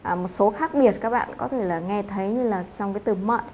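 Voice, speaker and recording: A woman's voice: mid-range voice, brisk, darkish tone, a little hiss or hum. A woman teaching an English lesson, explaining step by step with frequent filler sounds.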